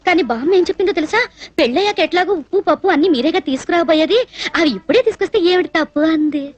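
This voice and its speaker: An actress playing a naive, lovesick young woman in a comic film, quick and melodramatic. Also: extremely high pitch, lively intonation, lo-fi sound. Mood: coy. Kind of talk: comic film dialogue, Telugu dub.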